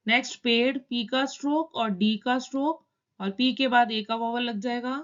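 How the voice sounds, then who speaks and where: A woman teaching shorthand in a calm, step-by-step tutorial, explaining each stroke and vowel in turn. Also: a little high, normal speed, dull audio.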